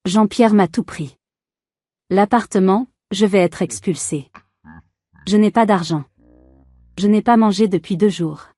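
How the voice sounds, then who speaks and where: A woman voicing a weak, raspy old mother-in-law. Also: medium pitch, a little slow, pauses often, warm tone, dry recording, clean studio sound, natural voice. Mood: pleading. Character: desperate older mother-in-law, pleading and sobbing.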